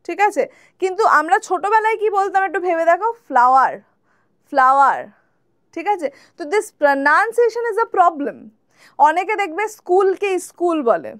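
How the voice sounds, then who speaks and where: A young Bengali-accented woman with a high, bright voice gives a spoken English lesson. She switches between brisk explanation and slow, careful English examples, checking in with her listeners often. The sound is dry and close, with no room echo. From West Bengal, India.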